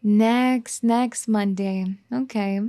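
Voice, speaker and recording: An ASMR roleplay performer voices a firm but caring young wife, speaking straight to the listener in an audio roleplay. Her mid-range voice holds a steady tone and moves extremely slowly. She starts out sassy, bossy and teasingly scolding, then softens into gentle pleading.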